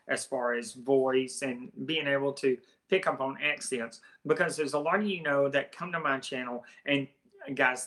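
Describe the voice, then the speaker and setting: Southern man, tech YouTuber, casual and hesitant delivery, bright forward tone. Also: medium pitch. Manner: rambling, hesitant, restarts phrases. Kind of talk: casual talk to camera.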